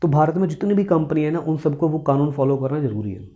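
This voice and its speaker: This male accountancy teacher talks fast in a slightly high, mellow voice, and the recording has its highs cut off. Lecturing as in a classroom, he asks questions, goes back over key points, addresses students as "beta," and mixes English terms into his Hindi.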